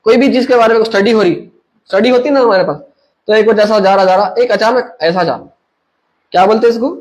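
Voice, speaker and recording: A man leads a relaxed religious class, his voice sitting high for a man. He talks things through with homely examples and keeps asking whether his listeners follow. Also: brisk, rough recording. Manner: explains with everyday examples, checks understanding with listeners. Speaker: religious teacher. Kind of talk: conversational Islamic lesson.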